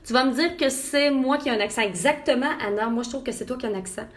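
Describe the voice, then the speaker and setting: A woman's voice: fairly high pitch, fast talker. A woman with a Québécois accent, a makeup artist, chatting while she does a live makeup tutorial from a hotel room and greeting viewers by name. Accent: Québécois French.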